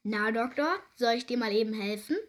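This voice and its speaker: A woman voicing a jolly, cocky male shark in a children's story, hearty and loud. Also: a little high, fairly quick, close to an everyday voice.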